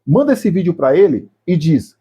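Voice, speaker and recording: A man with a Brazilian Portuguese accent, his voice somewhat high for a man yet mellow and a little husky. He talks straight to the viewer in a reflective video essay, slow and deliberate, laying out short phrases one at a time. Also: sing-song. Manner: speaks slowly and deliberately, addressing the viewer directly in short phrases. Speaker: YouTube channel host.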